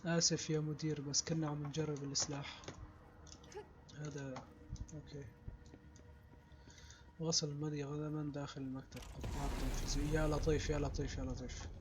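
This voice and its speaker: A man's voice: fairly high pitch, little pitch movement, brisk, pauses often, background noise. A man commentating casually on a video game as he plays, reacting aloud to what happens. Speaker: gameplay commentator.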